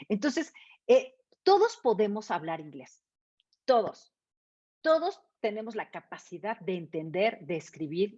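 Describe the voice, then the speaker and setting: A woman, an English teacher explaining her method in an interview with emphatic repetition and rhetorical questions. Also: fairly low pitch. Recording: dull lo-fi sound.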